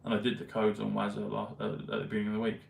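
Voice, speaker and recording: A man vlogging in a meandering, hesitant casual monologue full of pauses and fillers. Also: on the low side, monotone, creaky. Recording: roomy, mic at a distance, faint ambience.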